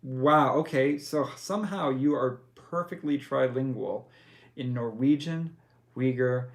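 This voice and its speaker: A game master with a mid-range voice guides a player through creating a tabletop character, explaining the rules step by step at a measured pace. He's patient, though his speech is full of fillers and self-corrections.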